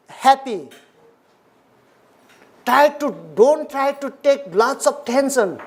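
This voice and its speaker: A speaker from Nepal, giving a dharma talk in short, simple, repeated English phrases. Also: medium pitch. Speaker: Buddhist lecturer.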